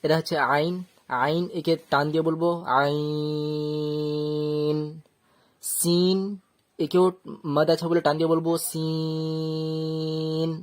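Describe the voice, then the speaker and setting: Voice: mid-range voice, little pitch movement, fairly quick. Patient Quran teacher stretching letter sounds. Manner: patient, explaining step by step; draws out letter sounds at length when reciting. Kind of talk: online lesson on Quran letters.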